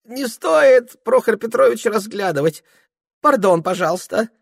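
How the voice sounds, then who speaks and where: A giddy, drunken young clerk shrieks and babbles in a voice pitched far above normal. The lines swoop wildly and come out dry and close. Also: male voice, expressive, a little slow, creaky, no echo, heavily acted. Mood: shrill evasive. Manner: shrill, babbling, exclaiming.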